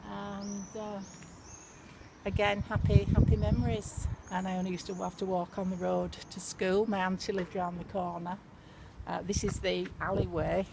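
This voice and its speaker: A woman in her sixties with a Bradford accent, reminiscing to camera in an unscripted, reflective way with hesitant pauses, recorded outdoors on the street. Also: medium pitch, vocal fry. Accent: Bradford, West Yorkshire. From Bradford, England. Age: 60s. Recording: noisy outdoor street recording, traffic ambience.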